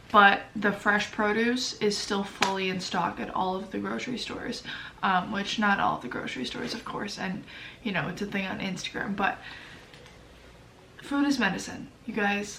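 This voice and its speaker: Here a congested young woman, a lifestyle vlogger, sniffles her way through a casual to-camera chat packed with fillers and self-mocking remarks. Her medium-pitched voice is a bit bright, with slight background noise. She sounds a little distant from the mic in an echoey room.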